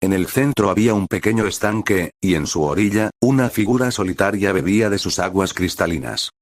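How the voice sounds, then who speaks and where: A man narrates a story aloud in a steady, even way. His voice is very low. The sound is dry and close, with no room echo. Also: fairly quick.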